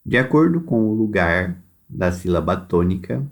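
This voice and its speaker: A man's voice: low-pitched, lively intonation, normal speed, creaky. A Brazilian man teaching a primary class by recorded video, dictating instructions and stretching words out syllable by syllable. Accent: Brazilian Portuguese.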